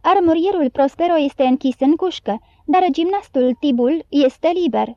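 A woman's voice: high-pitched, no room sound, dull audio. A woman doing a cheeky street boy. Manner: cheeky, shouting.

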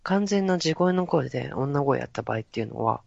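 A man in his thirties, a guest who chats playfully and explains voice technique in halting bursts, laughing often. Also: medium pitch, animated, vocal fry, no echo, dull audio. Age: 30s. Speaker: guest voice performer. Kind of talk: casual chat with a voice-training demonstration.

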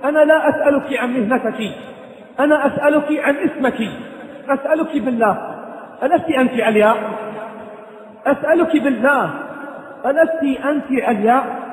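A frail, gravely ill woman pours out her regrets, read by a man. The voice sits very high, and a long hall reverb trails each line in a roomy space. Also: fairly quick, long pauses. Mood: pleading. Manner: speaks with heavy regret.

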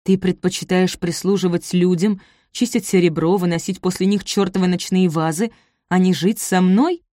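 A woman reading the part of an arrogant, angry young nobleman, loud and domineering. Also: on the low side, fairly even intonation, moderate pace, dry recording, studio quality, close to an everyday voice.

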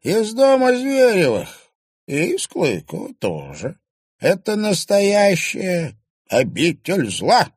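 A bitter old crone screeches and drags out her warnings in a high, strained voice. Her words are slow and full of spite. The recording is dry and close. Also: huge pitch swings, slightly rough, no echo, exaggerated voice. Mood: ominous. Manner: shrill, drawn-out, mumbling.

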